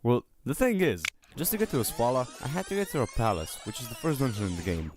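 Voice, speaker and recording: A man's voice: mid-range voice, big pitch swings, fast. A man narrating a casual scripted game review in a sarcastic, joking manner. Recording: voice-over with music behind it.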